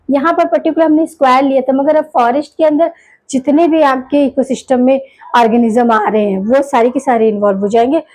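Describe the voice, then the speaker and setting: A woman teaching a biology lesson, asking questions and answering them herself, with English terms mixed in and definitions spelled out slowly. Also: sits high, a little mellow, low-quality recording. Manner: asks questions and answers them herself, keeps saying "theek hai"; mixes English terms into Hindi speech. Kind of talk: classroom lecture.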